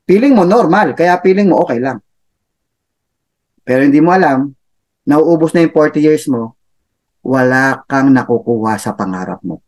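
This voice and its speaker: A man's voice: fairly high pitch, expressive, moderate pace, pauses often, a little mellow. A man giving a chatty motivational talk, laughing often and tossing in tag questions. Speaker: motivational speaker for a business club.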